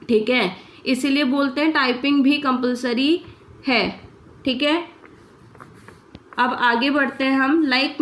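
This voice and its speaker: A woman with a high, slightly bright voice teaches a shorthand class in mixed Hindi and English, explaining step by step. She is patient and keeps checking in with her students, often asking "ठीक है?"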